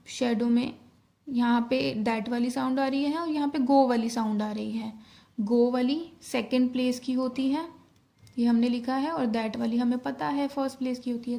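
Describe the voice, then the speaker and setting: A woman teaching a shorthand lesson, explaining each step slowly in Hindi with English terms mixed in. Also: a little high, gravelly, dark tone.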